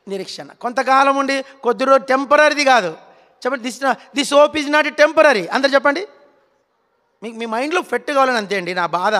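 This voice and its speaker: A man's voice: extremely high pitch, bright, forceful tone. A man in his forties preaching a sermon in a church hall, urging the congregation to repeat lines and telling humorous stories. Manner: storytelling with humor and rhetorical questions. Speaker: pastor.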